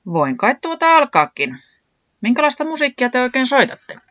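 A storyteller voicing a calm, well-travelled creature who manages the band and soothes its friends. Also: sits high, no room sound, highs cut off, pitched above the performer's own voice, exaggerated voice. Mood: reasonable.

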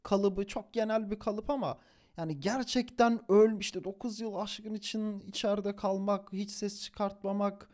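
A young man with a notably high-pitched voice tells a story in a relaxed, conversational way. He is animated and chuckles easily. He drops in slang and corrects himself mid-phrase. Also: measured pace. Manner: animated, chuckles while telling; informal slang, self-corrections. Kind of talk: casual spoken storytelling.

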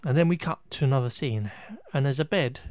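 A man chats through a film recap in a loose, meandering way, trailing off and restarting as he pokes fun at what he saw. His voice sits at an ordinary middle pitch. The recording is dry and close, with no room sound around him. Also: fairly quick, a little mellow, no echo. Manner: rambling, wry and exasperated, with frequent restarts and laughs; occasional swearing. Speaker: podcast host recapping a film. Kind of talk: casual chat.

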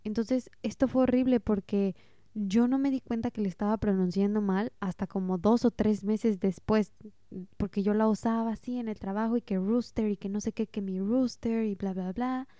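Young woman, Mexican accent, chatty and self-mocking, mellow smooth voice, dry close sound. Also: medium pitch, steady tone, normal speed, no room sound. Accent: Mexican Spanish. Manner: chatty and self-mocking, laughs at her own mistakes. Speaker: vlogger sharing language-learning stories. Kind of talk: casual storytelling monologue.

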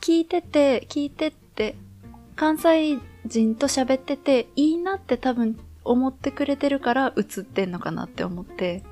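Speaking a little slowly in a high voice with a dark tone, this Kyoto woman chats casually as a podcast co-host. She uses a Kansai accent and colloquial Kansai phrasing, and faint music plays in the background.

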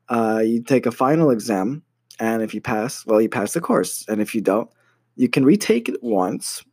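In a clean, dry studio recording, a mid-range, dark-toned male voice belongs to a young American university student. He shares a personal story about his studies in a loose, hesitant way full of fillers and false starts.

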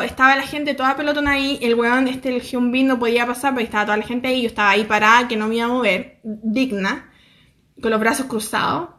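A young Chilean woman with a Chilean accent, telling a story to her viewers in a lively, slangy way and acting out what people said. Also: high voice. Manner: animated, laughing, slangy, acts out quotes. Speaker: vlogger.

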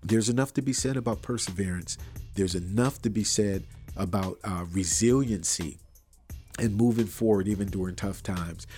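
Recorded in a room with wires and no acoustic treatment, this podcast host delivers faith-infused motivation at a normal pace with soft music behind him. His voice is deep and darkish, and he's earnest and sermon-like, repeating lines to drive them home.

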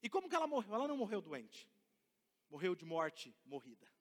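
A man preaches in a quick, high voice and acts out the people in his story. The sermon rings with a long reverb, as in a large church hall. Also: huge pitch swings. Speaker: pastor.

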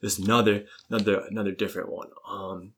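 Rambling, low-voiced man brainstorming. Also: level tone, fast, a bit bright, a little hiss or hum. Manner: rambling, self-correcting, laughs often. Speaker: podcast co-host. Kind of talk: casual brainstorming chat.

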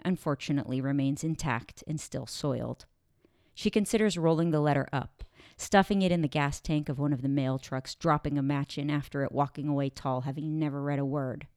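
Low-voiced woman reading literary fiction. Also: a little mellow, no echo, clean studio sound. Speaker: narrator. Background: background music.

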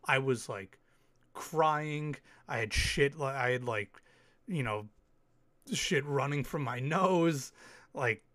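A man rants and tells stories on his own podcast, animated and loose, dropping curses and quick asides. He sounds a little sick and coughs now and then. His voice sits at an ordinary middle pitch and is recorded close and dry, with no room around it. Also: no echo. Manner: animated storytelling, swears freely, quick asides. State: slightly sick, occasional cough. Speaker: podcast host. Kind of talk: casual solo podcast rant.

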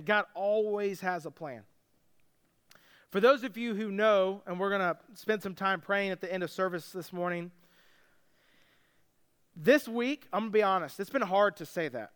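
A man's voice: high-pitched, a bit bright, clean tone. A young man preaching a sermon as pastor, casual and joking as he tells the story.

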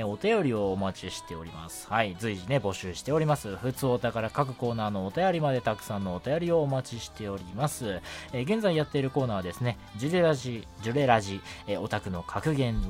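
Over background music, a young male radio host and amateur voice actor runs a relaxed solo show, friendly and talkative, with frequent brief affirmations. His pitch is medium, and he sounds animated, moving fast with few pauses.

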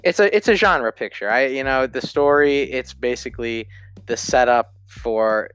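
A man's voice: mid-range voice, normal speed, a bit bright, smooth, faint music behind. A man giving a casual spoken film review, rambling with lots of fillers and self-corrections.

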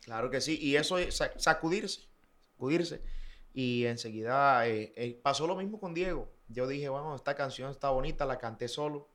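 A man's voice: medium pitch, moderate pace. Storytelling coastal man. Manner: animated anecdote-telling with sound effects and acted dialogue. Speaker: singer, interview guest. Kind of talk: casual storytelling interview.

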